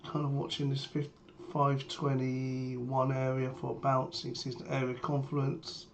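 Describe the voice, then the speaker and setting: Man, sore swollen throat, flat intonation, matter-of-fact trading commentary, background noise with keyboard typing. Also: medium pitch, moderate pace, creaky. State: sore throat, strained under-the-weather voice. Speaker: trader sharing a premarket plan. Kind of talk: live market commentary.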